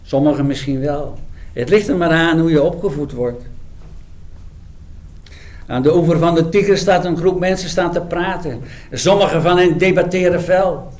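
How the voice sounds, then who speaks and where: Male preacher, dramatic storytelling sermon, emphatic delivery, high-pitched voice. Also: darkish tone.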